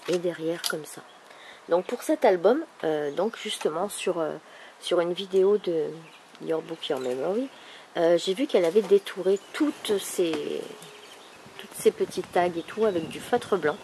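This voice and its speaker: A woman with a thick, swollen-tonsils sore-throat voice, speaking softly and casually as she presents a craft project. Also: lowish voice, expressive, unhurried. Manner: soft-spoken, holding back volume. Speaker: craft video maker presenting an album. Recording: clearly noisy background ambience.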